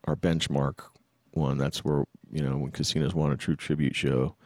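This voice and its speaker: A man's voice: rumbling low, flat delivery, normal speed, darkish tone, dry recording, clean studio sound. A man in his fifties, a musician and band leader, talking in an easygoing, plainspoken way in casual podcast chat. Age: 50s.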